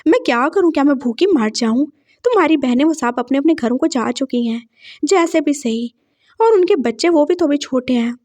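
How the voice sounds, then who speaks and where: A scheming, greedy mother in a read-aloud story, put on by a woman narrator. She speaks high and coaxing, with threats tucked beneath the sweetness. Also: animated, moderate pace, a little mellow. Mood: sly menacing. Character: scheming middle-aged mother, greedy and menacing.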